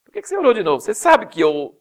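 A man's voice: high voice, huge pitch swings, rapid-fire, voice pushed up, exaggerated voice. A man voicing an exasperated God who scolds and mocks a prophet. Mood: scolding. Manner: scolding, mocking.

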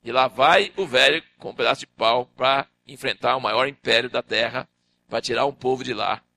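An older man preaching a sermon, teaching from the Bible and acting out the figures' dialogue in raised, animated voices. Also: medium pitch, normal speed, vocal fry.

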